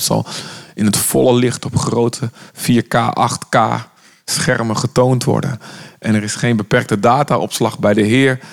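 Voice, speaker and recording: A man from the Netherlands preaching an urgent, impassioned sermon, sometimes voicing the words of Jesus. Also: mid-range voice.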